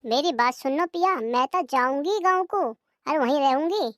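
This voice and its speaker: A voice artist voicing a stubborn, sharp-tongued young daughter-in-law who talks back in rustic speech, for a cartoon. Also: high-pitched, normal speed, dry recording, clean studio sound. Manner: defiant, rustic dialect.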